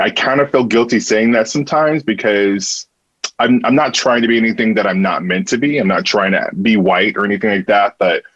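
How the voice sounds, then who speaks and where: A man's voice: fairly low pitch, a bit bright, dry recording, lo-fi sound. A man who works as a theatre director, talking earnestly in a casual conversation and often restarting and repeating words.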